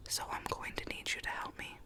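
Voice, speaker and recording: A woman's voice: fairly quick, natural voice. Whispering sweet rogue storybook Alice played by a woman. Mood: confiding, earnest. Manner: soft, coaxing, theatrical storytelling. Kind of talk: whispered ASMR roleplay.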